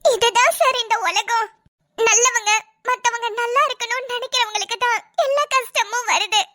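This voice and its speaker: A woman's voice: very high-pitched, fairly even intonation, normal speed, bright, forceful tone. A woman voicing a tearful, pleading young female helper in a cartoon. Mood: bitter. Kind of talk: cartoon voice acting.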